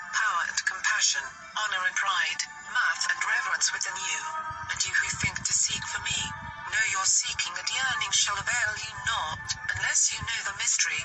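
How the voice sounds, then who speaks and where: A woman's voice: mid-range voice, natural voice. A woman voicing a majestic ancient star goddess in solemn, grand, declaiming narration, heard from a distance over music.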